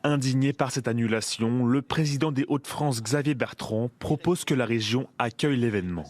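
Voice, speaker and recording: A man narrating a scripted TV news report in a measured tone. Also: mid-range voice, a little mellow.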